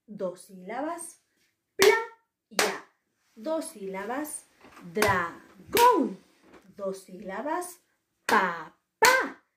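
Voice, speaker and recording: A woman's voice: high-pitched, mellow. A woman with an Ecuadorian Spanish accent teaching an online class to young children, stressing syllables as she models words. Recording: echoey room.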